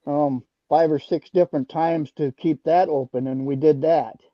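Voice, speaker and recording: A man's voice: on the high side, steady tone, normal speed, no room sound. Older man calling in over the phone. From Wisconsin. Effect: heard over the phone. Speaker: caller, detecting club founder. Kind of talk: casual call-in chat. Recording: dull dry phone audio.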